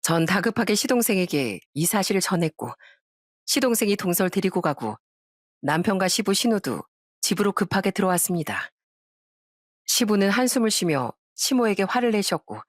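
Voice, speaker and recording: A woman narrating a family story in a calm, storytelling manner. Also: fairly low pitch, no echo, clean studio sound.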